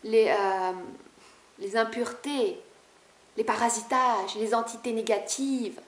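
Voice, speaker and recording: A woman spiritual vlogger talking fast and animatedly to camera in a casual, rebellious way, with a high-pitched voice. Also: fairly even intonation, echoey room.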